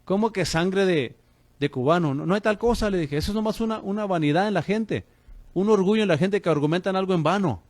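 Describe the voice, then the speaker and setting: A man's voice: sits high, brisk, darkish tone, no echo. A man preaching on the radio as a pastor and host, fervent and calling listeners brother.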